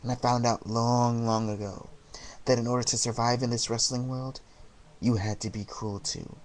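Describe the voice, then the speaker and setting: A man delivering a wrestling promo monologue as a heel, brooding and taunting, with theatrical, deliberate dramatic pauses. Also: mid-range voice, flat delivery. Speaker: amateur wrestler cutting a promo as a heel character.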